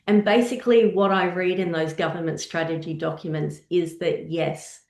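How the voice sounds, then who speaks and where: A woman giving a slide presentation on intercultural practice, earnest and measured, often posing rhetorical questions. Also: on the low side, steady tone, vocal fry, darkish tone, roomy sound.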